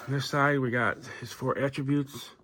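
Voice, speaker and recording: Man, casual toy review, rambling, fillers, mid-pitched voice. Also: normal speed, slight background noise. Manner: relaxed, rambling, many fillers.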